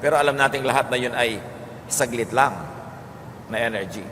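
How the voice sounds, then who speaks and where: A man with a Filipino accent giving a calm teaching sermon, moving between Tagalog and English. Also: medium pitch, normal speed. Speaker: preacher. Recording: long hall reverb with faint noise.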